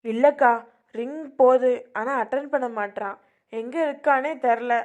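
A woman's voice: sits high, fairly even intonation, normal speed, a little mellow, lightly acted. A woman voicing a middle-aged mother who scolds and frets over her missing son in an amateur voice drama. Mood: anxious.

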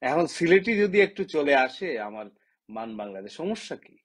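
A husky-voiced man speaks straight to the camera, a writer from Bangladesh making his case. He keeps firing impassioned rhetorical questions at his listeners. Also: fairly high pitch, sing-song, normal speed. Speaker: writer giving a talk. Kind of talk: direct-to-camera opinion talk.

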